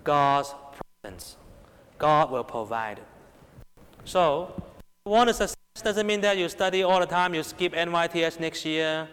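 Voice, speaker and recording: A man with a Hong Kong Cantonese accent preaches emphatically to young people, his voice a little high, unhurried, and a bit bright. He keeps raising and dropping his voice, asking rhetorical questions and repeatedly checking in with his listeners. A long hall reverb surrounds the recording.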